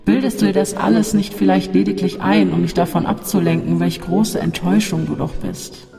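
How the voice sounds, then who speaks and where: Narrator voicing a cruel taunting voice from the dark. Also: mid-range voice, steady tone, a little fast, creaky. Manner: mocking, then coaxing and seductive. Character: sinister male voice from a dark shaft, cruel, taunting. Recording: long reverb with faint music.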